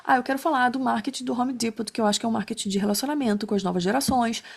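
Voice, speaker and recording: A woman's voice: a little high, rapid-fire, gravelly, husky. A woman teaching an online class in a casual, chatty way, often tagging her sentences with little check-ins. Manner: chatty, many fillers like né and tá. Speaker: instructor.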